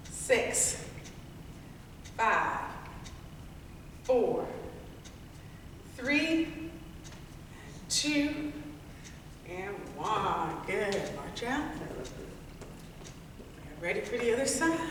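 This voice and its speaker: Woman, fitness instructor, unhurried pace, encouraging and playful, counting and cueing, long hall reverb, faint noise. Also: a little high, very animated, fairly bright tone. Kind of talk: workout class instruction with counting and cues. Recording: echoey hall, distant mic, faint noise.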